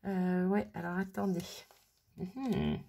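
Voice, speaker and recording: A woman's voice: on the low side, fairly even intonation, slow, vocal fry, mellow, breathy edge. A woman casually thinking aloud as she works on a craft project, chatting and muttering to herself at her worktable. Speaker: crafting vlogger.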